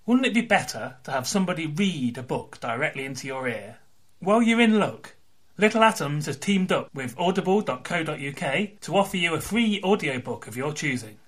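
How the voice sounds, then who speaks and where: A man's voice: a little high, very animated, brisk. A man hosting a podcast, chatty and wry in an informal way. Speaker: podcast host. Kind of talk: conversational podcast interview with ad read.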